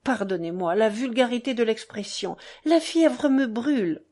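A woman's voice: a little high, expressive, unhurried, mellow. A woman reading an audiobook, voicing a feverish, desperate young man who pleads urgently and fervently. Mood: pleading.

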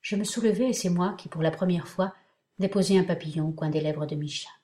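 A woman narrating a novel in the first person at a steady, measured pace. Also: on the low side. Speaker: audiobook narrator.

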